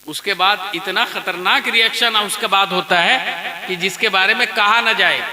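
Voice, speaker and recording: An Islamic preacher tells a story to a wedding gathering, calling his listeners dear friends as he goes. His voice is high and piercing bright. It rings with heavy echo through the sound system. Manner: animated, addresses the crowd as dear friends. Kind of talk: storytelling sermon.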